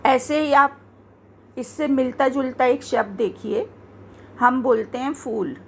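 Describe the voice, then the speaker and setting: Slow, gravelly woman teaching Hindi. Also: sits high, a little hiss or hum. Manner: slow, patient, repeats words to show pronunciation. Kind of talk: explaining grammar to learners.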